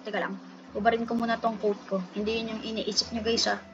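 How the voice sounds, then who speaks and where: A woman's voice: fairly high pitch, flat delivery, fast, background noise. A woman casually commenting on her game, playfully teasing and calling out to her fellow players. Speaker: gameplay video host. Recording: dull lo-fi sound with music behind. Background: background music.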